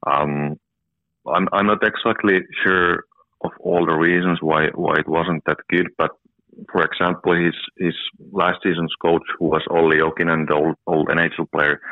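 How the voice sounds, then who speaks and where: Deep Finnish man rolling his R's, phone-like line. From Finland. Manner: rolled R's; halting, frequent word repetitions. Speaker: hockey journalist, guest. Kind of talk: interview answers, conversational. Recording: roomy, thin phone-like line.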